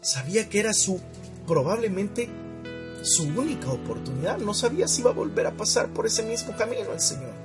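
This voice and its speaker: High voiced guy preaching, real passionate, loud then hushed, faint guitar behind. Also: very animated, fairly quick. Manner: impassioned, acts out pleading voices, swings between loud cries and hushed lines. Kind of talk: sermon.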